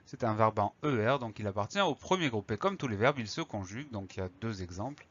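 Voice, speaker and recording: A man's voice: fairly low pitch, animated, fast, fairly bright tone, highs cut off. A man teaching a spelling lesson, patiently breaking words into syllables and spelling them letter by letter.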